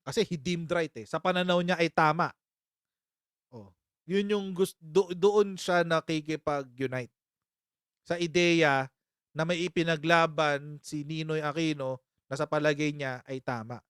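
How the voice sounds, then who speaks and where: A man hosts a casual live-stream commentary in a slightly raised, smooth, resonant voice. He teases and uses sarcasm, slipping into mocking impressions of critics. The sound is dry and close, with no room echo. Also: on the high side, steady tone, a little slow, a bit bright. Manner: chatty, teasing, breaks into laughter often; sarcastic, mock-impersonates critics. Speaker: political commentary host.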